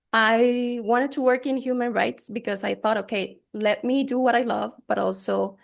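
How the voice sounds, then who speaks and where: Chatting as a conference guest, a middle-aged woman from Costa Rica answers an interview question in a fairly high, creaky voice. She comes across as enthusiastic and talkative, laughing readily.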